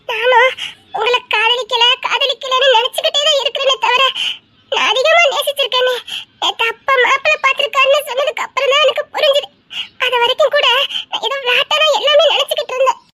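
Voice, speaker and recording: A woman playing a shy young village woman in love, with a Tirunelveli Tamil accent, soft and tearful, giggling through tears. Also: very high-pitched, a little fast. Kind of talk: acted romantic drama.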